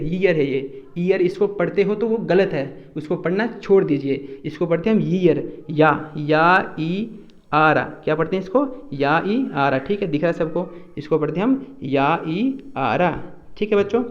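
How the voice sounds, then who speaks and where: A young man teaching a grammar lesson, patient and repetitive as he keeps calling on his students. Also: fairly high pitch. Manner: patient and repetitive, often addressing students as children. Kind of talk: classroom lecture. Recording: dull lo-fi recording.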